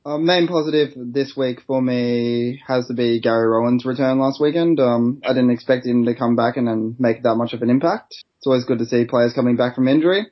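An Australian man with a mid-pitched voice talks casually about sport as a panellist. The sound is slightly muffled and lo-fi. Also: fairly quick, few pauses. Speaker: podcast panellist.

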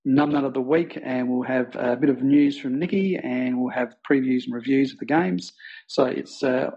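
A man's voice: medium pitch, vocal fry, warm tone, husky, muffled recording. A man with an Australian accent hosting a casual fan podcast, rambling with plenty of ums and uhs. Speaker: podcast host.

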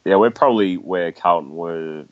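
A man's voice: low voice, moderate pace, dry recording. An Australian man talking casually as a guest in a sports discussion, on slightly dull, lo-fi audio.

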